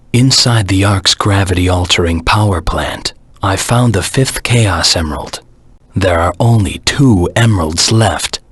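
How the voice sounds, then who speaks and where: An actor voicing a brooding, vengeful anti-hero hedgehog in a video game, with a husky rasp and a grim, terse, dramatic delivery. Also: male voice, a bit bright, dry recording, exaggerated voice. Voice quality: low, husky, gravelly rasp.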